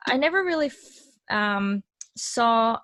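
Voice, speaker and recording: A woman's voice: fairly high pitch, slow, dry recording, clean studio sound. A young woman from Mexico, an actress talking candidly in an interview over a video call, often restarting her sentences. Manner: candid, animated, with many restarts. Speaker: actress and guest. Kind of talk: casual interview conversation.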